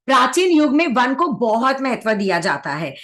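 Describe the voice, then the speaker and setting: A woman teacher runs through sentence corrections at a brisk clip, quizzing her students as she goes. Her voice sits high and swings widely up and down. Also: very animated, a bit bright. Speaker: Hindi grammar teacher. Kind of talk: online exam-prep lesson.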